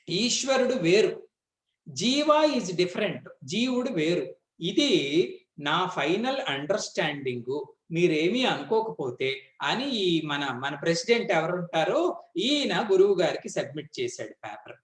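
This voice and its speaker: High-voiced man teaching in an echoey hall. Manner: storytelling, acts out dialogue between guru and student. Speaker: spiritual teacher. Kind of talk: Gita discourse.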